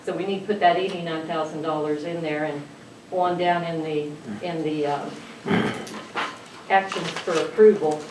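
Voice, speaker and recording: Low-voiced woman rushing through figures. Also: steady tone. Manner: rushed, reeling off figures with fillers. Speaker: city finance officer. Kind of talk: reading a financial report at a council meeting. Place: council chamber. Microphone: distant room mic. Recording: echoey chamber, distant mic, noise.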